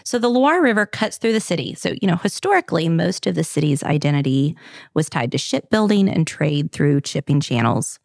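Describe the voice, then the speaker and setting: Gravelly Southern woman podcast host. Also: deep voice, big pitch swings, fairly quick, darkish tone, no room sound, studio quality. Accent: Southern US, Kentucky. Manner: chatty, upbeat, jokes. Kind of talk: casual scripted narration.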